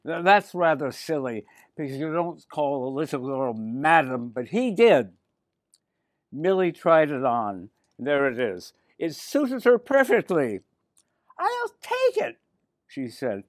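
An older man with a slightly high, animated voice reads a storybook to children. He breaks off now and then to chat and point things out to his listeners. The sound is close and dry, with no room around it. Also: a little slow, dry recording. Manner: chatty, with asides to the children. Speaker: resident reader.

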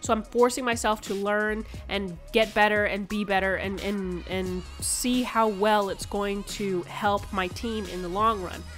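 A woman's voice: medium pitch, steady tone, measured pace, few pauses, fairly bright tone, soft background music. Sick-voiced woman chatting about a game. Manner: chatty, rambling with restarts. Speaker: gaming video host. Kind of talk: casual gaming commentary.

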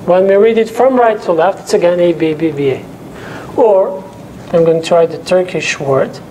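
A young man whose first language isn't English teaches as a teaching assistant, his dark voice sitting high at a normal speed. Step by step, he checks in with the class frequently, saying "okay?", in a lecture room with a whiteboard and projector. Captured on a lapel mic, the recording is low quality with a bit of background noise.

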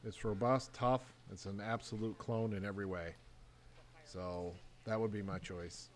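A man's voice: on the low side, steady tone, a little slow. A man giving a casual outdoor walkaround, explaining trailer gear step by step at a wooded campground. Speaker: trailer review vlogger.

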